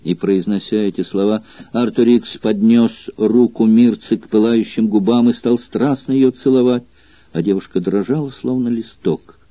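A man giving measured, expressive literary audiobook narration. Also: fairly low pitch, no room sound, dull audio.

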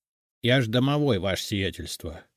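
A man's voice: on the low side, animated, moderate pace, no echo, clean studio sound, lightly acted. A man voicing a small, humble male house spirit who talks in a mumbling, deferential way in an audiobook. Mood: eager.

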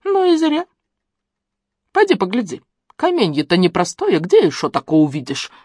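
A shrewd old village granny with a sing-song folksy lilt, swooping up high when she teases, as a woman puts her on in an audiobook. Her voice is close and dry, with wide swings in pitch. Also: huge pitch swings, moderate pace, darkish tone, dry recording. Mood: teasing. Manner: folksy rural speech, sly and sing-song.

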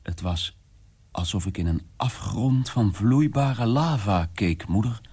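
A man's voice: lowish voice, lively intonation, slow pace, darkish tone, breathy edge, exaggerated voice. An actor playing a young son in a radio drama, confiding in his mother in a wondering, often whispered way. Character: young man telling his mother of a strange household.

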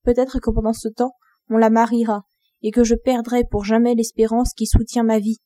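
A woman's voice: fairly high pitch, flat delivery, moderate pace, dark tone, dry recording, lightly acted. A woman reading the lines of a proud, stubborn young king in a storybook, indignant and defiant. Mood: mournful.

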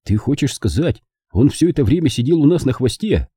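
A man's voice: medium pitch, very animated, brisk, warm tone, slightly rough, no echo, clean studio sound, pitched above the performer's own voice. A man doing a desperate young nephew. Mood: tense. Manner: pleading, agitated.

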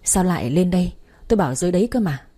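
A woman voicing a soft-spoken young male heir who pleads in a hushed, low voice, her own voice husky. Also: lively intonation, very fast.

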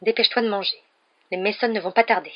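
A woman's voice: medium pitch, fairly even intonation, quick pace, natural voice. A woman reading a storybook aloud, voicing a stern aunt who gives clipped, bossy orders. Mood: curt. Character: stern, curt aunt, strict housewife. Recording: dull lo-fi recording.

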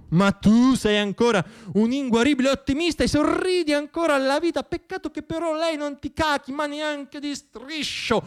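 In a satirical monologue for radio theatre, a man narrates with dramatic irony, moving from hushed passages to declaimed ones. His voice is high-pitched, clear and resonant.

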